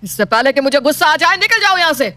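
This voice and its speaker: A woman voicing a strict, proud, wealthy middle-aged father in an animated storybook, scolding and commanding. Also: a little high, brisk, faint music behind, close to an everyday voice. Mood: angry.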